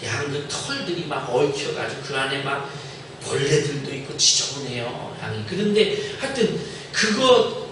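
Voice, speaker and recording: A male pastor preaching a sermon in a lively storytelling way, recorded in a church. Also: a little high, slight background noise. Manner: colloquial, animated storytelling. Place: church sanctuary. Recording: echoey church hall from far off.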